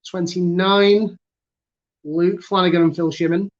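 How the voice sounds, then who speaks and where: A man's voice: high voice, steady tone, unhurried, muffled recording. A man with a Northern English accent hosting a casual online quiz, chatty and self-mocking, with lots of fillers. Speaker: quiz host.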